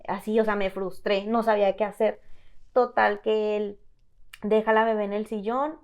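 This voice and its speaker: A woman from Mexico telling her own story as a guest in an interview, halting and full of fillers and restarts. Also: medium pitch, level tone, darkish tone. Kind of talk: personal testimony in an interview.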